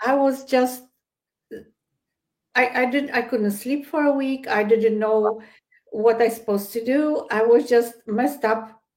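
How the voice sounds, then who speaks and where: This Polish-accented woman, a psychic medium from Poland, is a guest in a relaxed interview and keeps stalling with fillers and restarts. She speaks slowly in a fairly high, slightly mellow voice.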